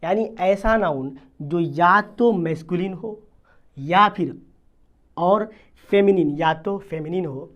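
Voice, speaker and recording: A grammar teacher giving a video lesson, who keeps asking questions, answers them, and repeats key terms. English definitions are read out slowly, word by word. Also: medium pitch. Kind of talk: classroom-style video lesson in Hindi mixed with English terms.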